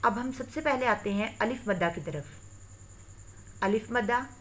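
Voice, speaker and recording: A woman teacher with a Pakistani Urdu accent, slowly spelling out letters and vowel sounds for her students in a recorded online lesson. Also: fairly high pitch, a bit bright. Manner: addresses students directly, patient explanatory tone. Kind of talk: recorded online lesson explaining Arabic reading.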